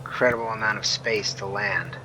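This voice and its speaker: A man's voice: lowish voice, level tone, brisk. A man giving casual, rambling flight simulator commentary, thinking aloud as he plays. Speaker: flight simulator streamer and reviewer. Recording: clear engine drone and noise.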